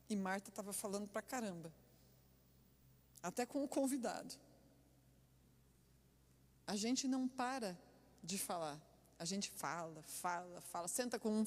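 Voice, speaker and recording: A woman pastor preaching a sermon, telling stories with lively, animated delivery and laughter. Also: medium pitch. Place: church hall. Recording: echoey church hall.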